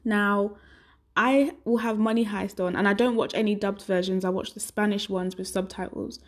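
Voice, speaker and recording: A woman's voice: medium pitch, fairly even intonation, normal speed. A young adult woman hosting a solo podcast, chatting casually and rambling, often laughing at herself. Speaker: podcast host.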